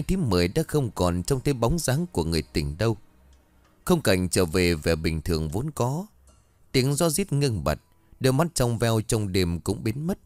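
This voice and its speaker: A man with a low voice reading a ghost story aloud, his intonation rising and falling vividly. The sound is dry and close, with no room echo. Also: a little mellow.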